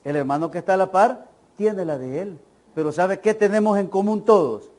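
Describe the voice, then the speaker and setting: A man's voice: high-pitched, normal speed, a little mellow. A man preaching an evangelical sermon at a church service. He speaks emphatically, poses rhetorical questions and keeps telling the congregation to listen well.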